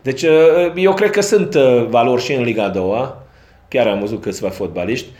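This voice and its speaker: A man's voice: medium pitch, a little mellow. A man speaking as a football coach at a post-match press conference, frank and self-critical. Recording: roomy echo.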